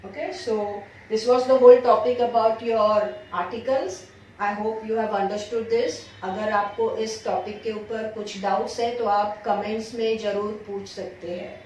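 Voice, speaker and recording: A woman with an Indian accent teaching an English grammar lesson, dictating example sentences slowly and explaining quickly in Hindi. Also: fairly high pitch, fairly even intonation, a little mellow, a little hiss or hum. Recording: far-off echoey room recording.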